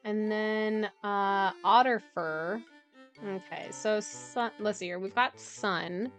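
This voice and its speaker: A woman's voice: mid-range voice, slow pace, faint music behind. A woman game streamer giving casual live commentary, informal and thinking aloud as she plays.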